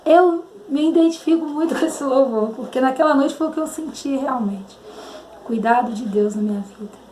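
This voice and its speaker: At a moderate pace and with fairly even intonation, a Brazilian woman gives a personal testimony of faith, hesitating and searching for words between sung hymn lines. Her voice is a little high and slightly mellow, with a Brazilian Portuguese accent, in an echoey room with faint noise.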